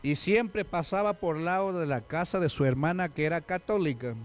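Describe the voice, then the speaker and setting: Fairly high-voiced man preaching. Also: moderate pace, soft background music. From Peru. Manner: storytelling with acted quotes and questions to the congregation. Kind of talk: sermon.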